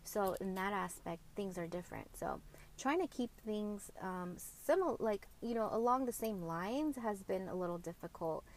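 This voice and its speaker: This podcaster's medium-pitched voice turns animated as she talks frankly and thoughtfully about co-parenting, frequently stopping to rephrase and leaning on fillers. Raised speaking Spanish at home in a Mexican-heritage family, she's recorded with a slight hiss or hum.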